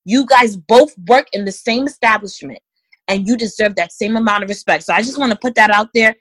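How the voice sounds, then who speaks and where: Speaking briskly in a mid-range, fairly bright voice, a woman offers emphatic, no-nonsense career advice during a conversational interview. She addresses her audience directly as "guys" and "ladies." There's no echo, though the audio is poor.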